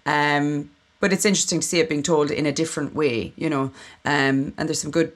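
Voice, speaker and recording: A woman hosting a casual podcast, friendly, moving briskly between segments. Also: deep voice, fairly even intonation. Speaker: podcast host.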